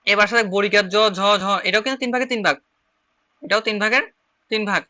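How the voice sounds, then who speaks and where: High, bright-voiced Chittagong Bengali teacher. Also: male voice, fast talker. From Bangladesh. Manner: repetitive, drilling, step-by-step explaining. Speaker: shorthand teacher. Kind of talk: online class instruction.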